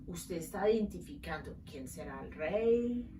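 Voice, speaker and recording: A woman's voice: on the low side, expressive, a little slow, noisy background. A woman teaching the Bible, reading scripture aloud and asking her listeners rhetorical questions. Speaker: women's ministry Bible teacher. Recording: roomy, distant mic.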